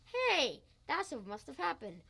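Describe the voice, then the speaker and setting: A woman's voice: sits high, wildly swooping pitch, creaky, heavily acted. A girl playing a blustering boastful husband. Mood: scheming. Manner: loud, exclamatory, quick to boast and bicker. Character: blustering boastful husband, excitable get-rich schemer. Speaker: school radio play actor. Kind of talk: old-time radio comedy acting.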